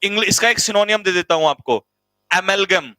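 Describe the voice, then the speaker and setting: Speaking at normal speed in a high, bright, pushed voice, a man leads a Hindi vocabulary lesson. He jokes around, teases his students as beta and bhai, and repeats each meaning so they can copy it. The audio is poor, though free of echo.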